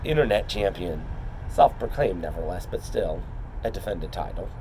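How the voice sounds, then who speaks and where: A man playing a brooding wrestler calling out a rival champion in a measured, taunting wrestling promo, speaking deliberately. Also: deep voice, expressive, dark tone, a little hiss or hum, pitched below the performer's own voice, low-quality recording.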